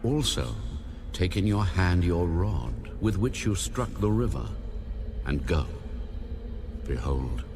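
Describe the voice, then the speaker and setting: A man's voice: low voice, big pitch swings, takes it slowly, long pauses, background noise, heavily acted. A man playing God in a dramatized audio Bible, grave, almighty and authoritative. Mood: commanding. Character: God, solemn, commanding, ancient and almighty. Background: musical score.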